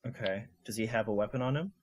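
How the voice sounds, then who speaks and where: A man's voice: fairly low pitch, quick pace, husky. A man playing a tabletop game casually, talking hesitantly with lots of ums and restarts. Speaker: player.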